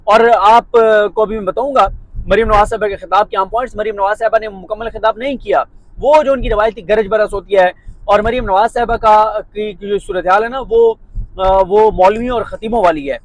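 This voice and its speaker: A man delivers a political commentary monologue. His voice sits high for a man, and his tone is sarcastic and mocking. The sound is dry, with no room echo. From Pakistan.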